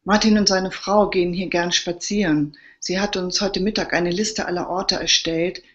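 A woman's voice: fairly low pitch, fairly even intonation, normal speed, lightly acted. A woman voicing a young, nervous male firefighter who stammers, in a dull lo-fi recording. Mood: shaken.

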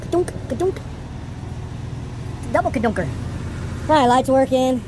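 A truck driver in his forties vlogs casually, chatting to himself as he checks his rig, first outdoors at a truck yard and then in his cab. His very high-pitched voice is animated and measured in pace, with outdoor vehicle noise behind him.

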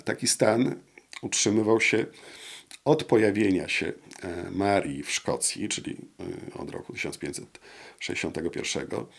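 A man in his sixties with a deep, gravelly voice gives a long, careful account as an interview guest. He hesitates a lot, filling gaps with drawn-out sounds. The sound is close and clean from a lapel mic in a studio room. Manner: hesitant, many drawn-out "e" fillers. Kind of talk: measured historical explanation. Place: wood-panelled studio room with brick wall.

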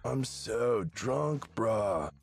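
Casting: drunk party bro for a game, husky voice, swings all over in pitch, lazy drawl. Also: male voice, animated, drawn-out words, full character voice. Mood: drunken. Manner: drawling, calls everyone bro. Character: drunk young male partygoer, laid-back bro. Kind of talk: video game voice acting.

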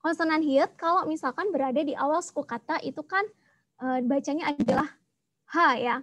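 Young woman, high voice, patient step-by-step lesson, dry close recording. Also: fairly quick, dry recording. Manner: patient, explains step by step and repeats key sounds. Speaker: language teacher. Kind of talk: online language lesson.

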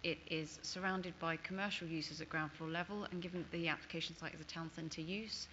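A woman gives a formal presentation. The sound is muffled, with clear background noise. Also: sits low, fairly even intonation, a little fast, pushed and bright. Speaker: planning officer presenting. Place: large council chamber.

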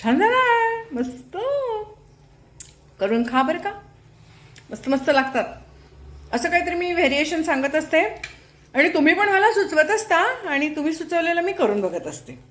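A woman's voice: sits high, big pitch swings, moderate pace, long pauses, fairly bright tone, a little hiss or hum. A middle-aged woman hosting a home cooking channel, talking casually and playfully in her kitchen, teasing her viewers and laughing lightly. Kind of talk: casual chatty vlog.

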